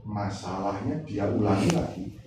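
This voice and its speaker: A man preaching a sermon in a conversational, lively way, acting out exchanges and laughing often. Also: fairly low pitch, moderate pace, a little hiss or hum. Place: church hall. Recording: echoey hall from far off.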